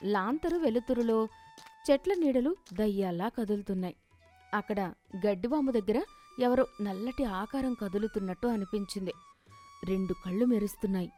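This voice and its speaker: A woman narrating a children's animated moral story with dramatic, expressive delivery. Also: mid-range voice, moderate pace, soft background music.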